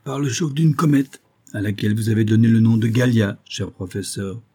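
Man doing a calm polite captain, low husky voice. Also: moderate pace. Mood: courteous. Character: adult male army captain, courteous and good-humored.

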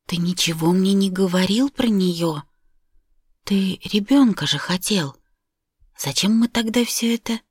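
A woman voicing a hysterical, furious pregnant young wife who shouts shrill accusations. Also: a little slow, husky, no room sound, studio quality. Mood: bewildered.

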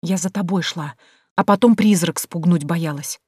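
A woman voicing a nervous young female friend who speaks in hushed tones in an audiobook. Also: fairly low pitch, normal speed, breathy edge, no room sound, clean studio sound. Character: anxious young woman friend, timid but eager.

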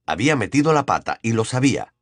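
A man narrating an audiobook in an expressive storytelling manner. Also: medium pitch, quick pace, dry recording, clean studio sound. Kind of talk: scripted narration.

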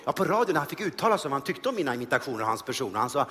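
A man performing a live stand-up comedy monologue, telling self-mocking stories in an animated way. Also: medium pitch. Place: large theater stage. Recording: hall reverb on a live stage.

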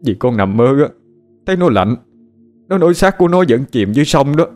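A man's voice: medium pitch, very animated, brisk, a little mellow, faint music behind, voice pushed up, lightly acted. A man voicing a grieving father who pleads in a choked, sobbing voice. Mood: pleading.

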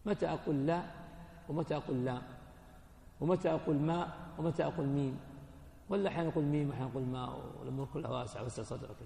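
High gravelly sheikh in an echoing hall. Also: male voice, very fast, long pauses, warm tone. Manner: asks students questions, then answers them himself; colloquial, explanatory teaching tone. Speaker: sheikh teaching hadith. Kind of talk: classroom religious lesson. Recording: echoey hall with long reverb.

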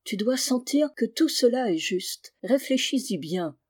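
A woman's voice: a little high, expressive, unhurried, darkish tone, slightly rough, no room sound, clean studio sound, pitched above the performer's own voice. Woman reading as a stern lecturing schoolmaster. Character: stern moralizing village schoolmaster, older man.

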